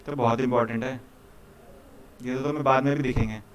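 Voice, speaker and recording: A man's voice: mid-range voice, steady tone, brisk. A man teaching a live programming class to students in a casual, chatty way, often checking in with them and calling them brother. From India. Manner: casual, repeats "ठीक है" and "भाई", coaxing students.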